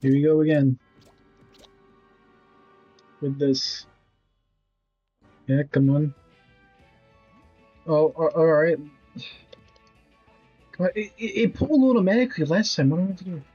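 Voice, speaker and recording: A man's voice: a little high, a little slow, long pauses, warm tone, husky, dull audio, soft background music. Man rambling over a video game. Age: 20s. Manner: rambling, blunt, swears casually. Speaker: streamer. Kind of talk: casual gameplay commentary.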